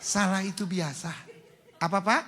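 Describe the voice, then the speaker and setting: A man's voice: high voice, normal speed, pushed and bright. A middle-aged male pastor, preaching a humorous sermon in a church hall, teasing the congregation in colloquial slang. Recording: long church hall reverb.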